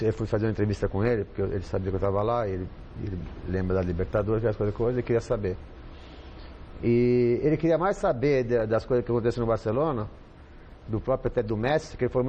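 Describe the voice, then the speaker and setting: A man's voice: mid-range voice, warm tone, muffled recording, a little hiss or hum. A man with a Brazilian accent, a football coach guest chatting casually on a TV panel, rambling and repeating himself with lots of fillers. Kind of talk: casual studio chat.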